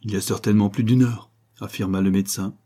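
A man voicing a calm male ship's doctor who speaks in a measured, clinical way. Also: fairly low pitch, natural voice.

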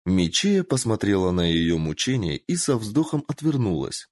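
A man narrating a story in an expressive, lively storytelling manner. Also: lowish voice, moderate pace, no room sound. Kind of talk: audiobook narration.

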